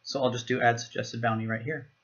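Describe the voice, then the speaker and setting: A man giving a screen-recorded software walkthrough, explaining each step plainly. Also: medium pitch, steady tone, fast, highs cut off. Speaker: software demo presenter.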